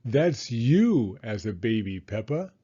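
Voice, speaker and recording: A man voicing a fond, patient mother pig in a storybook, gently explaining. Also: mid-range voice, very animated, takes it slowly, slightly rough, muffled recording, exaggerated voice. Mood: amused.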